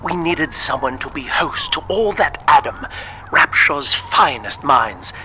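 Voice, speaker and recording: A melancholy mad scientist turned mutant in a video game. He speaks politely and formally, in a theatrical, slightly high voice, with clear noise behind him. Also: animated, a little slow, bright, forceful tone, exaggerated voice, rough recording. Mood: lofty, wistful. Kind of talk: scripted video game voice acting.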